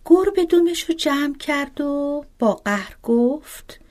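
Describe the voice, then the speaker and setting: A woman narrating a children's story in an expressive, sing-song way. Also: high-pitched.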